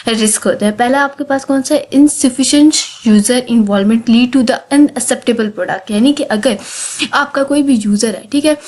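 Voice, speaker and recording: Woman lecturer, high-pitched voice, slow English reading, Hindi explanations, frequent check-ins. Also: a little mellow. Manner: reads English lines slowly, explains in Hindi-Urdu. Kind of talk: exam-prep lecture.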